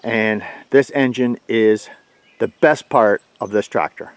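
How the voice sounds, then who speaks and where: A man's voice: on the low side, slow, smooth, no room sound. A man giving a blunt, folksy, plainspoken walkaround review of his tractor outdoors. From Canada.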